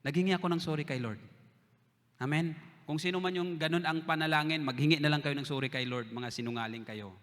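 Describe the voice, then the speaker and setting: Lively man preaching in a reverberant church. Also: fairly high pitch. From Philippines. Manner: lively storytelling, acting out quick exchanges with church members. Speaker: pastor. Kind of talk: sermon. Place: church sanctuary.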